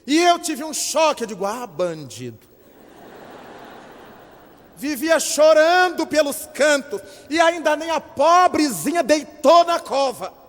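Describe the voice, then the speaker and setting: An older man giving a spiritist lecture, telling a story with lively acted-out dialogue. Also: extremely high pitch, a little slow, few pauses. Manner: lively storyteller, acts out voices in quotes. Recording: long hall reverb.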